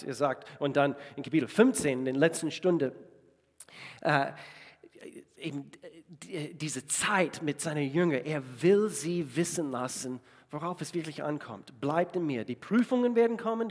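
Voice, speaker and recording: A man with a somewhat high, congested voice preaches to his congregation, hammering points home by repeating them and putting questions straight to the listeners. His words ring out into a large hall with a long, trailing reverb. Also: lively intonation, moderate pace. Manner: emphatic, repeats phrases, asks the congregation direct questions. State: congested from a sinus infection. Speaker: pastor. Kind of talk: sermon. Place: church service in a large hall.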